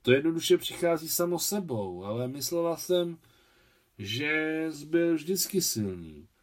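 A man's voice: on the high side, big pitch swings, recorded from a distance, voice pushed up. A man doing a curious, direct young woman. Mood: tender.

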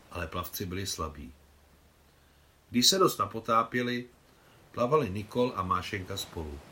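A man reading his translation of a novel aloud, in a measured, expressive way. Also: fairly low pitch, a little hiss or hum. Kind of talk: audiobook reading.

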